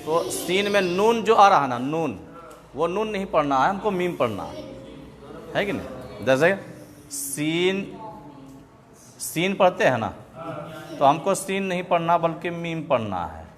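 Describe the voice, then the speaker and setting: Patient male recitation teacher, slow and echoing. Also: a little high, sing-song. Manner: patient, repeats "है कि नहीं?" to check understanding; draws out letters in chanted recitation. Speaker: Quran reading teacher.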